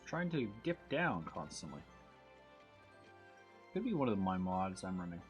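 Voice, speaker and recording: A man's voice: low voice, very animated, measured pace, soft background music. A man streaming a game over a headset mic, thinking aloud as he fixes things and greeting his chat. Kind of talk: casual gameplay livestream chat.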